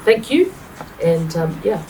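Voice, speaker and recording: A woman's voice: lowish voice, sing-song, slow. A woman from New Zealand with a New Zealand accent, speaking earnestly as a panelist with fillers. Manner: earnest, reflective, many fillers. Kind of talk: panel discussion talk. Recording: distant mic with faint room noise.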